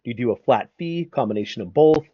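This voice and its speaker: A man's voice: mid-range voice, animated, fast, no echo, lo-fi sound. A man hosting a podcast, asking long, rambling questions packed with fillers in casual chat. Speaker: podcast host.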